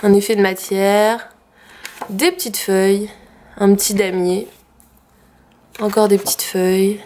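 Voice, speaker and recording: A woman's voice: mid-range voice, steady tone, a little slow, a little mellow, a little hiss or hum. A woman with a French accent showing her craft purchases in a casual, chatty way with many fillers. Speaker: craft vlogger. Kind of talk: casual haul video.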